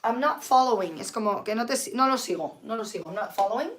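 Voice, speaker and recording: Hoarse woman teaching English. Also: a little high, expressive, fairly quick, fairly bright tone, a little hiss or hum. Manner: chatty, mixes Spanish and English, reads out viewer comments. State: sick with flu, tired. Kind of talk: live-streamed English lesson.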